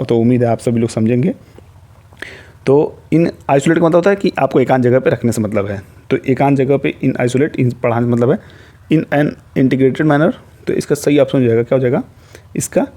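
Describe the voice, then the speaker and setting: A man leads an exam-prep lesson in a soft, mellow voice at an ordinary middle pitch. He reads English phrases out deliberately, word by word, and then explains them at a normal pace.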